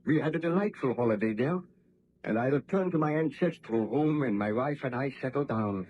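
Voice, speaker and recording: A man's voice: medium pitch, animated, brisk, slight background noise, natural voice. An actor playing an earnest, courteous young male scientist with formal, theatrical diction in 1930s radio acting. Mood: recounting. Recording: dull 1930s radio recording.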